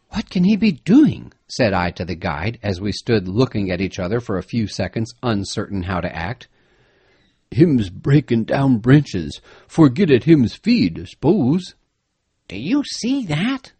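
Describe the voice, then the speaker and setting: A man narrating an adventure story in the first person, reading in an expressive, emphatic way. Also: on the low side, breathy edge, no room sound. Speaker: audiobook narrator.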